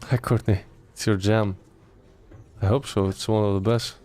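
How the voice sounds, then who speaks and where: A man from Latvia casually commenting on a game he is playing, in a relaxed, chatty way. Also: lowish voice, moderate pace. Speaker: streamer.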